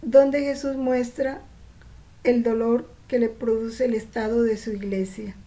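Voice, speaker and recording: A woman reading from a devotional text and explaining it, pausing to ask her listeners rhetorical questions. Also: on the high side, little pitch movement, dark tone. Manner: slow, reflective, poses rhetorical questions to listeners.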